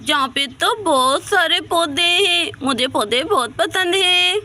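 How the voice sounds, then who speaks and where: Woman voicing a childlike young woman, bright. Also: very high voice, measured pace, pitched above the performer's own voice, exaggerated voice. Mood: childlike, eager. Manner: childish pleading speech. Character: naive young woman who talks like a child.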